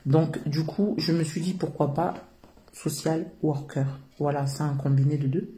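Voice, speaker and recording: A deep, mellow voice with a steady tone, a little slow, belongs to a middle-aged woman from France. She founded a social work business and, when interviewed about her work, responds earnestly and hesitantly with many filler sounds.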